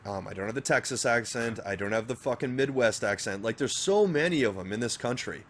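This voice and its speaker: This Northern Virginia man, general American in accent, speaks at medium pitch and a little fast while joking crudely and animatedly with his podcast co-host. The casual chat is full of swearing, and a faint hiss or hum sits under it.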